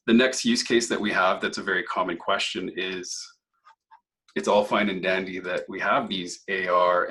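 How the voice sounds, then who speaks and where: A slightly hoarse man, presenting a software walkthrough webinar and explaining features step by step. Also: deep voice, low-quality recording. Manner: explanatory, clears throat often.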